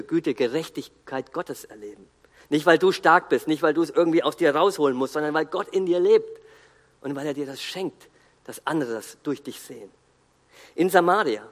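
A man giving an earnest, emphatic sermon, pausing and restarting as he speaks. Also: mid-range voice, vocal fry, big-room sound. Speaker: guest preacher.

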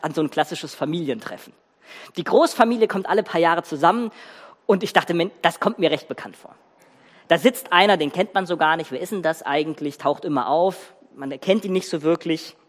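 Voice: mid-range voice, a little fast, in a large hall. Ein Prediger erzählt lebhaft und mit Nachdruck und spricht die Zuhörer direkt an. Die Stimme liegt in mittlerer Lage, und hinter ihr hallt ein großer Kirchenraum lange nach. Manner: lively, emphatic storytelling, addresses listeners directly. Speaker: preacher. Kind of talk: sermon.

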